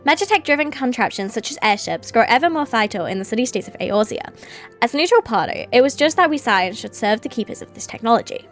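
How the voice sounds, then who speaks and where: Woman reading as a gracious, high-voiced fantasy leader. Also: lively intonation, fast, soft background music. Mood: gracious, welcoming. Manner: formal, stately wording. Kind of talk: reading video game dialogue aloud.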